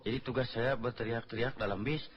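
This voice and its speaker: A man's voice: mid-range voice, steady tone, fairly quick, slightly rough, highs cut off. A Sundanese man in a comedy sketch, playing a hesitant, rambling simpleton. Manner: dim-witted, rambling, hesitant.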